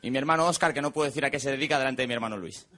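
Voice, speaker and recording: A man performing a stand-up monologue on stage, delivering quick deadpan punchlines and mimicking his relatives. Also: medium pitch. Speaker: stand-up comedian. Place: stage before a live audience. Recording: stage recording with audience laughter and noise.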